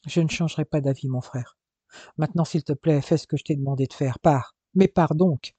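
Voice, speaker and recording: A man's voice: fairly high pitch, steady tone, fast, dark tone, dry recording, lightly acted. A man voicing a young man crippled after an accident, grave and bitter, in an audiobook.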